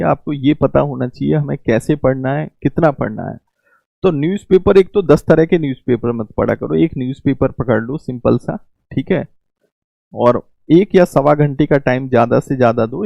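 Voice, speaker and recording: A man's voice: on the high side, vocal fry, darkish tone, no echo. A man teaching an exam coaching class online, giving fatherly advice and calling his students "beta", repeating his points to drive them home. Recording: dull lo-fi mic.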